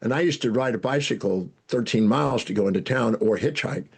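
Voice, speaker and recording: An older man, a guest speaker and educator, telling animated stories from his life in an interview, with frequent restarts. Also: mid-range voice, a little fast, creaky, breathy edge. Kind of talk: storytelling interview answers.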